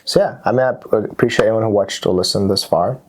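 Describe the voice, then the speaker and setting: A young man talking casually about movies with a friend, relaxed and peppered with "like" and "dude". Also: fairly low pitch, quick pace. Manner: laid-back, says "like" and "dude" a lot. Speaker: channel host.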